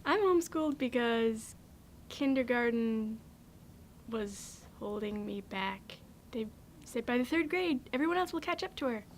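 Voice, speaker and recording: An eighteen-year-old woman, a graduating homeschool student, telling her answers in an animated way. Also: fairly high pitch, unhurried, a little hiss or hum. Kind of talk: casual interview answers.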